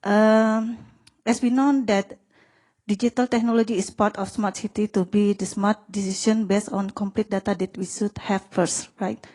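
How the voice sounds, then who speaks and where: A woman's voice: mid-range voice, level tone, moderate pace, darkish tone. A woman from Indonesia, a city planning official asking a panel a question and searching for her words.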